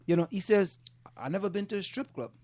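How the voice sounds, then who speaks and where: A man from Trinidad hosting a casual talk show, an animated storyteller who acts out what others say into a studio microphone. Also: sits high, fast, dry recording. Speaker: host.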